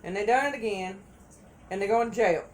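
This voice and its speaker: A woman's voice: mid-range voice, fairly quick. A woman giving a casual tarot reading, chatty and repeating phrases for emphasis. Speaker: tarot reader.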